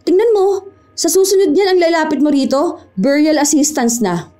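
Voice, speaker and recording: A woman playing a rude, haughty young town-hall clerk who talks down to people in a sharp, scornful way. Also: high voice, moderate pace, faint music behind, close to an everyday voice. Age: young adult.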